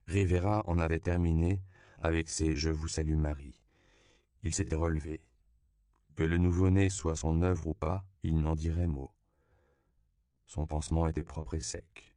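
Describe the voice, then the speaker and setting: A man narrating an audiobook in a measured, even reading. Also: extremely low pitch, clear, resonant tone, no room sound, studio quality. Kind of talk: scripted narration.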